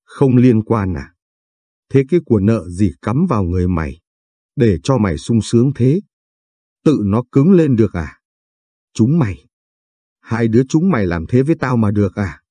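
A man's voice: lowish voice, sing-song, moderate pace, long pauses, breathy edge, no room sound. A man voicing a furious, heartbroken young wife who hurls accusations at her husband. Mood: enraged. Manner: shouting accusations.

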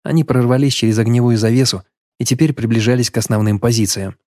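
A man narrating a first-person audiobook story in a steady, even way. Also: mid-range voice, fast, dry recording, clean studio sound.

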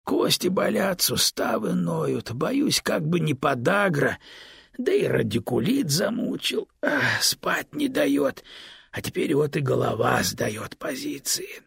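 A man's voice: a little high, sing-song, slow, creaky, a bit bright, breathy edge, no echo, clean studio sound, pitched above the performer's own voice, full character voice. A man reading an audiobook, voicing an elderly male stone who complains and pesters eagerly in a raised, insistent voice. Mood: grumbling. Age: older. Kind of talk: audiobook character voice.

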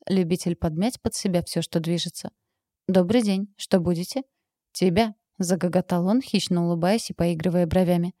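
A woman reading a first-person story aloud as an audiobook narrator, in a lively, ironic manner. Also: lowish voice, no room sound, studio quality.

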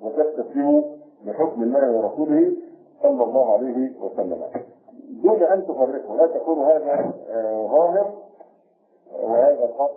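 Lecturing sheikh on a tinny echoey tape. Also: male voice, mid-range voice, big pitch swings. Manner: measured, repeats key phrases to explain. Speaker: sheikh teaching Quran commentary. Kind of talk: religious lecture.

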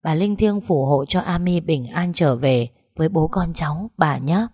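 Woman as a tired grieving father, low voice, tender, quiet pleading, storybook. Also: normal speed, husky, dry recording, clean studio sound.

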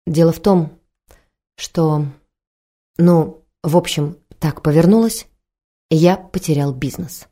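A woman reading as a worn-out middle-aged husband in a storybook, low and mellow in tone. He speaks slowly and softly, hesitating between words. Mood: weary. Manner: slow, hesitant, soft-spoken. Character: weary middle-aged husband, quiet and guilty.

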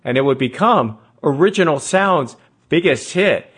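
A man with a fairly high, slightly husky voice hosts a radio show. He reads his scripted narration in a smooth, measured storytelling way. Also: expressive, fairly bright tone.

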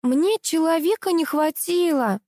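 A woman voicing a naive, whiny young blonde beauty contestant who squeaks and complains. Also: moderate pace, darkish tone, dry recording, studio quality, close to an everyday voice. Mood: whining. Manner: whining, squeaky.

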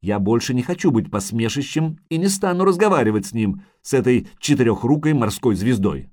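A man voicing a vain, capricious female sea siren who talks in a singsong, shrill and indignant way. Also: expressive, fairly quick, darkish tone, dry recording, clean studio sound, close to an everyday voice.

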